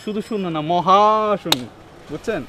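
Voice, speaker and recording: A man's voice: high voice, a little fast, noisy background, natural voice. A man playing a sarcastic young man who taunts a friend.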